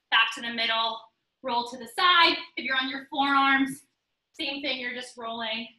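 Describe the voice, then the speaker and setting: A young woman leads a guided workout class, counting down each set and cueing form while she does the moves herself. Her voice is very bright and sits high. She sounds set back from the mic in a roomy space. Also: distant mic. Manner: steady counting cues, instructive while exercising. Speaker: fitness instructor.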